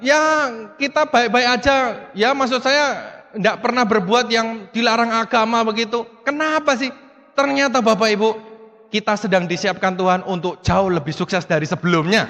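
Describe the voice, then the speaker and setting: Animated high-voiced man giving a motivational talk. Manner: animated, repeatedly addresses the audience as "Bapak Ibu". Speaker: motivational speaker. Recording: long hall reverb.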